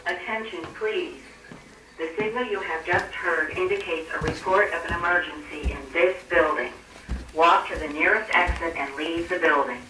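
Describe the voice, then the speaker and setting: A recorded evacuation announcement played over building fire alarm loudspeakers, formal and measured. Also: medium pitch, far from the mic. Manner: formal, measured, repeated message. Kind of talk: scripted public announcement. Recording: echoey loudspeaker heard from afar with heavy noise.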